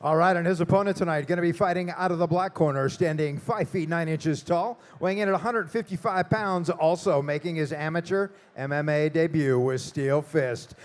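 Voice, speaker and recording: A man working as a bright event host and ring announcer, introducing fighters live and drawing out the big calls. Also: high voice.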